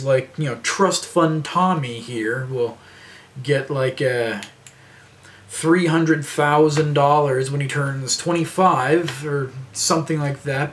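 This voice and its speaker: A man's voice: a little high, a little hiss or hum. Rambling man in his thirties. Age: 30s. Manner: rambling, many fillers and restarts. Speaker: vlogger. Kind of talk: casual rambling monologue.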